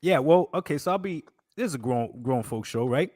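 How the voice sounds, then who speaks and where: A man's voice: medium pitch, expressive, a little fast, a little mellow, dry recording. A man casually telling a long date story, animatedly acting out his own quotes in a raised voice.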